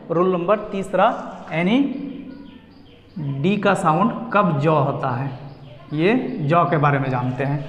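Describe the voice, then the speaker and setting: High-voiced man teaching pronunciation. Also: muffled recording. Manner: repeats each word slowly, spells letters out. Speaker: English teacher. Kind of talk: classroom pronunciation lesson. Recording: echoey room with long reverb.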